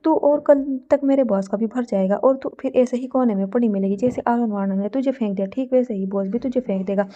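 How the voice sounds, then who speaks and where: A woman's voice: fairly high pitch, a little fast, few pauses, warm tone, muffled recording, natural voice. Woman doing a sneering, cruel jealous woman. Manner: sneering, taunting. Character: cruel jealous young woman tormenting a captive.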